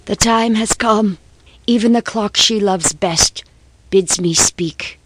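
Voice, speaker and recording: A woman voicing a trembling, anguished old man in his sixties, speaking in a raised, strained, slow pleading voice. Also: mid-range voice, fairly even intonation, slight background noise, rough recording.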